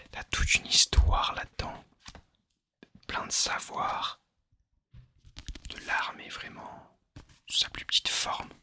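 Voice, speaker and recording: A man speaking in a soft, unvoiced ASMR whisper, chatting informally and confidingly to the listener about recommendations. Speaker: ASMR video host.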